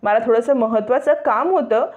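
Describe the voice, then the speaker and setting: Serial recap bit: a woman doing a simpering, scheming young woman, pitched up, muffled audio. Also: fairly quick, close to an everyday voice. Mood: coy pleading. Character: scheming young woman, falsely sweet and coy.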